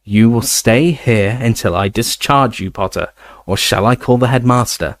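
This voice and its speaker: Man doing a brisk, stern older witch. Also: medium pitch, dry recording, close to an everyday voice. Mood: threatening.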